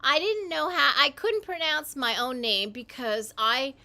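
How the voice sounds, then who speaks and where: Woman, livestream monologue, rambling, halting, bright tense tone, unhurried. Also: high voice, animated. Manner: meandering, self-correcting, halting; typing while talking. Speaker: livestream host.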